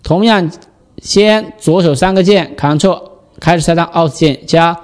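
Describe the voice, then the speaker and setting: A man giving a step-by-step software tutorial, explaining and patiently repeating the key steps. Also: fairly high pitch, measured pace.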